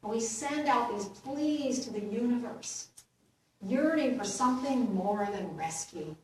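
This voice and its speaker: A woman minister giving a gentle, unhurried sermon, laughing lightly at her own jokes. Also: a little high, lively intonation, slight background noise. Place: church sanctuary. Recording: roomy echo from far off.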